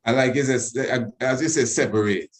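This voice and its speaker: A man moderating a casual reasoning in Rasta speech, halting and repeating his words. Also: mid-range voice. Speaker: discussion moderator.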